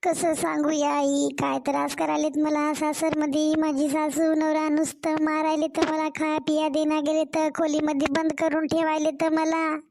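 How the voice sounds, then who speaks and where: A woman's voice: high voice, monotone, normal speed, creaky, darkish tone. A woman voicing a young, mistreated daughter-in-law in a cartoon story, pleading. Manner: pleading, complaining.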